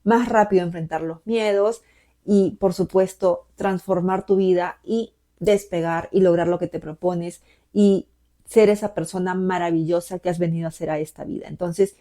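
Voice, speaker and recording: A woman life coach giving a motivational talk to camera in a gentle, encouraging way, asking many rhetorical questions. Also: lowish voice, steady tone, normal speed.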